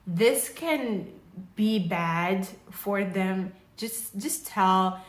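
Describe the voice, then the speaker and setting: A young woman from Mozambique telling a story in a casual storytime vlog, animated and chatty with lots of fillers, recorded on a phone. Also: mid-range voice, drawn-out words. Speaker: vlogger. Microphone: phone camera. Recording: roomy, echoey room.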